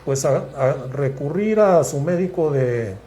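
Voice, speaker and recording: A man, a psychiatrist guest explaining things in a measured, step-by-step way with frequent restarts. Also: a little high, animated, warm tone. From Mexico. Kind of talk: explanatory interview talk.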